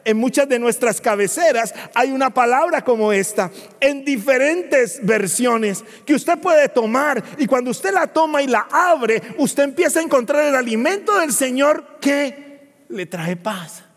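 High-voiced preacher man in reverberant church. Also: lively intonation, measured pace. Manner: swings from hushed to shouted, dramatic storytelling. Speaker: pastor. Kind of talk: sermon.

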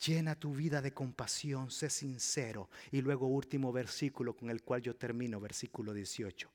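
A man preaching a sermon as pastor, acting out little dialogues, swinging from loud to a whisper. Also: mid-range voice, steady tone, normal speed. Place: church with a live audience. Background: soft piano.

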